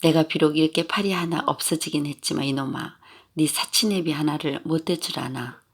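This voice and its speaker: A man voicing a drunk, blustering, one-armed middle-aged father who scolds loudly in Gyeongsang dialect. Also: on the high side, steady tone, a little fast, creaky, slightly rough. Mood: lecturing. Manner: loud scolding, slurred boasting.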